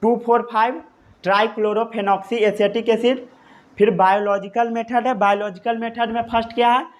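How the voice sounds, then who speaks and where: High-voiced man teaching a lesson. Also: level tone. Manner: repeats key terms slowly while dictating notes. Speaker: science teacher. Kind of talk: classroom lecture.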